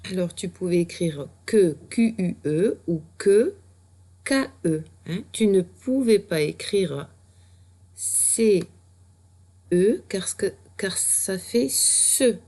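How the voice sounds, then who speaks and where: A woman teacher, slowly and patiently spelling out letters and sounds for a child in a recorded reading lesson. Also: on the low side, lively intonation, warm tone. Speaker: primary school teacher.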